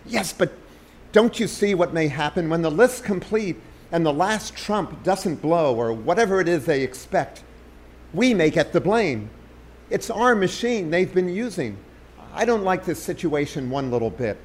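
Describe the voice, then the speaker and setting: A man's voice: fairly high pitch, expressive, measured pace, a little hiss or hum. A man reading the lines of an anxious, urgent young American man in an audiobook. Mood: worried.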